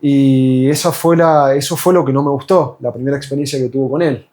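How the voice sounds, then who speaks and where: A man's voice: medium pitch, steady tone, fairly quick, a little mellow. A man from Argentina with an Argentine accent, telling his story as a patient in a hesitant, casual way full of fillers and restarts. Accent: Argentine Spanish. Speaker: patient giving a testimonial. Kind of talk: casual spoken testimony.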